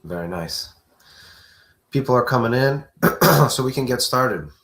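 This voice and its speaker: A man hosting a live question-and-answer stream, talking in a relaxed, conversational way. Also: medium pitch, a little slow. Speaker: host.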